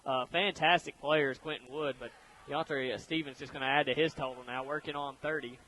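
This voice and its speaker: A man doing brisk, energetic radio play-by-play of a basketball game, chuckling easily between calls. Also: mid-range voice, a little hiss or hum, rough recording. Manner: brisk, energetic call of the action with easy chuckles. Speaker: play-by-play announcer.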